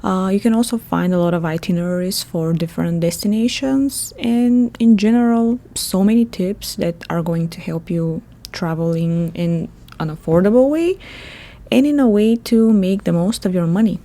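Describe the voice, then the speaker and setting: A woman's voice: mid-range voice, moderate pace, dark tone. A woman in her thirties from Bulgaria, with a Bulgarian accent, hosting a solo podcast in a chatty manner and laughing often. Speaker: podcast host.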